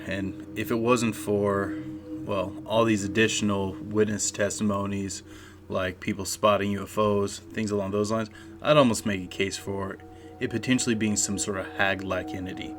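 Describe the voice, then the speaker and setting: A man co-hosting a paranormal discussion, talking through folklore theories in a measured, speculative way. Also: on the low side, fairly even intonation. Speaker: podcast co-host. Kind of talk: conversational analysis of folklore and the paranormal. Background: clear music.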